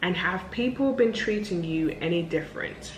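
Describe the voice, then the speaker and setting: A woman's voice: on the low side, moderate pace. Chatty young woman in an echoey room. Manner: candid and chatty, swears freely. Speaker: vlogger. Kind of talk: casual sit-down Q&A.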